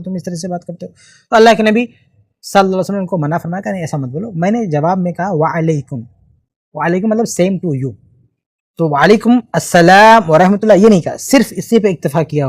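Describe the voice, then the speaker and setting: A man preaching and answering a religious question, retelling a tradition with lively, animated quotes. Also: high voice, no echo, studio quality. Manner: animated storytelling, quotes with changing tone. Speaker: Islamic preacher.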